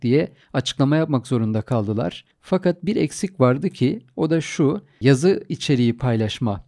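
A man talks through his solo podcast in a relaxed, conversational way, with a mellow, darker tone. He explains step by step and drops in light humorous asides. The sound is dry and close to the mic. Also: mid-range voice, no room sound. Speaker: podcast host. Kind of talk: casual solo podcast commentary.

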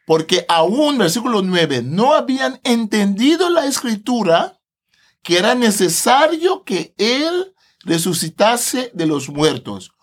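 Brief: male podcast guest, high pitch, animated and laughing, walks through scripture conversationally. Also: slow. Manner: animated, laughs often, tags phrases with a questioning "no". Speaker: Bible translator, podcast guest.

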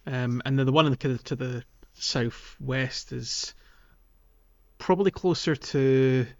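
On a podcast, a male co-host walks through a video game in an unhurried, medium-pitched voice with a darkish tone. His explanations are casual and hedging, full of "kind of" and "like," and the audio comes across as dull.

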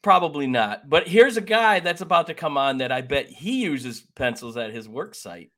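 A man's voice: a little high, expressive, normal speed, a bit bright. A man hosting a sports podcast in a folksy, rambling way, with many fillers and restarts. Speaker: podcast host. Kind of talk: casual sports podcast chat.

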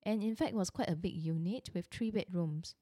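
Middle-aged woman, real estate agent; earnest storytelling monologue, soft warm tone, dry close recording. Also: on the low side, a little fast, no echo. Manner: earnest, frequent restarts and self-corrections.

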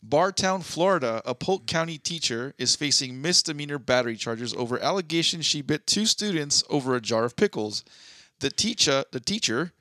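A Southern California man with a slight East LA accent co-hosts a casual podcast, rambling loosely and swearing freely as he chats. His voice runs on the high side and sounds sharp, with lively intonation and normal speed. The sound is clean studio audio with no room sound.

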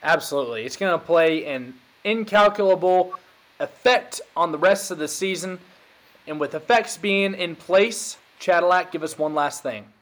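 A man's voice: high-pitched, moderate pace, a bit bright. A man hosting a podcast, talking college football in a hyped, emphatic casual way. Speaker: podcast host. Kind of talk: casual sports chat.

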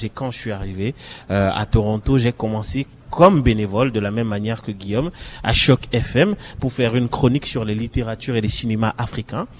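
A young man from Cameroon, a radio journalist, moderating a live round-table and calling on students by name in an animated way. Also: lowish voice.

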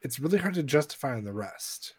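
A man's voice: mid-range voice, expressive, fairly quick, darkish tone, slightly rough, no echo. A man co-hosting a gaming podcast, chatting casually with a laid-back, dry manner. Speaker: podcast co-host. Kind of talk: casual chat.

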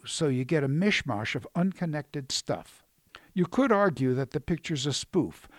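A man's voice: a little high, darkish tone, no room sound. A man delivering a scripted radio film review in a dry, wry, critical manner.

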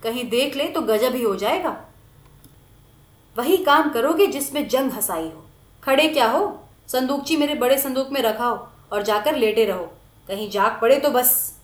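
Woman voicing a flustered middle-aged father, anxious, scolding, lively high voice, echoey room. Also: unhurried.

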